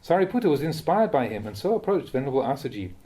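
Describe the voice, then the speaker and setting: Reading a dharma talk aloud, this man has a soft, mellow, medium-pitched voice and the reflective air of a monk. He stays measured and contemplative yet very animated, his pitch rising and falling expressively on rhetorical questions, and the recording quality is low.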